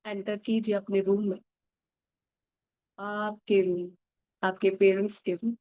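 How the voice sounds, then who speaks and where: A woman guiding an inner child healing meditation, speaking softly and gently straight to the listener. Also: medium pitch, flat delivery, dry recording, dull audio. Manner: soft, slow and gentle, addressing the listener directly. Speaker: meditation guide.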